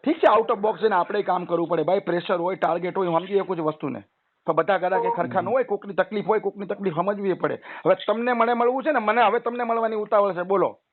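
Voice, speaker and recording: A man's voice: high-pitched, fast. A man arguing his case at length on a recorded phone call, persuasive and lecturing. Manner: persuasive, lecturing, long-winded. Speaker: loan customer on a phone call. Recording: tinny phone line, faint noise.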